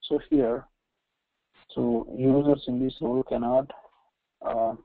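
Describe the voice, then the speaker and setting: A man with an Indian accent teaching software step by step in a halting, repetitive way, often checking with short tag questions. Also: medium pitch, fairly even intonation. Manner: halting, repetitive, frequently checking with "right" and "okay". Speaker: software trainer. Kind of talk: screen-share software tutorial, explaining step by step. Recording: roomy echo, slightly dull lo-fi sound.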